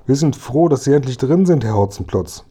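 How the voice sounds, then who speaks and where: A man's voice: medium pitch, animated, fairly quick, mellow, husky, voice pushed up. Man doing cheeky, teasing Kasperl. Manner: teasing and mocking. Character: cheeky puppet boy hero, quick-witted.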